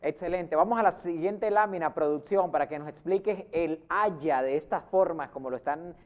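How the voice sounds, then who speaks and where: A Venezuelan man hosting a local TV talk program. He keeps the conversation moving with brief questions and quick acknowledgements, and he moves his guest on to the next topic. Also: fairly high pitch. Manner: steers the talk with short prompts and backchannels. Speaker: TV host and interviewer. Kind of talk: local TV interview.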